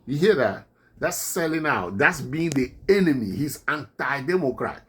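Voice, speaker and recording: A man's voice: medium pitch, very animated, normal speed. A man with a non-native accent in English, giving indignant political commentary on his own vlog and repeating his points. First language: not English.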